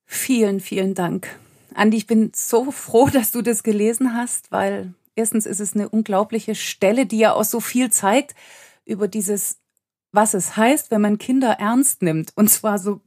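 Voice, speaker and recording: A woman's voice: medium pitch, measured pace, a little mellow. A woman hosting a podcast interview, speaking with enthusiastic admiration for her guest. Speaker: podcast host. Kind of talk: conversational interview.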